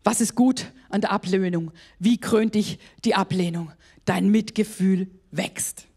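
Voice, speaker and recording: A woman's voice: medium pitch, a little slow, darkish tone, husky. A woman pastor with a German accent preaching a sermon, emphatic and exclaiming, laughing at herself at times.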